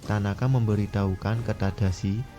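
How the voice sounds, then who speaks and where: Low, flat-toned male narrator. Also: a little fast. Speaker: film recap narrator. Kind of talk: scripted story narration. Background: music.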